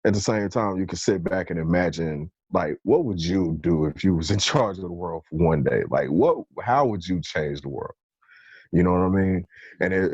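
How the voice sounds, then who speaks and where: Low husky guy on a podcast, earnest and reflective, dry slightly muffled mic. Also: darkish tone, no room sound. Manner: earnest, reflective, lots of "you know". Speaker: podcast co-host. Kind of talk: casual podcast chat.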